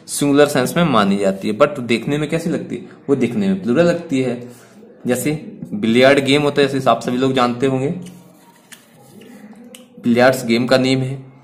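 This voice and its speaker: A man's voice: mid-range voice, slight background noise. A man teaches grammar in Hindi, with English words spoken in an Indian accent. He keeps posing a question and then answering it himself, patiently repeating points for students. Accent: Indian English words in Hindi speech. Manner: repetitive, asks and answers own questions.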